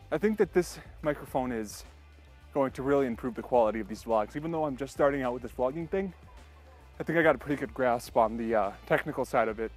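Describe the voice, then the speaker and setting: A young man talking casually to camera in a vlog, chatty and enthusiastic, with lots of fillers. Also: mid-range voice. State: out of breath. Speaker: vlogger. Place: echoey basement; outdoors by a stream. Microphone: headphone mic into GoPro; handheld lavalier clip mic.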